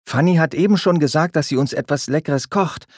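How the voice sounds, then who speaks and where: A man's voice: fairly high pitch, a little fast, a little mellow, no echo, studio quality, voice pushed up, close to an everyday voice. Man doing an eager, teasing young boy.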